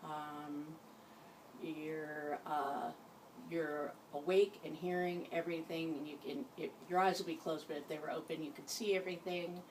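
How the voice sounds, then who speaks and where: A woman leading an informal guided hypnosis session, giving gentle instructions in a halting way. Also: low-pitched, fairly even intonation. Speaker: hypnosis practitioner. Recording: distant mic, faint background noise.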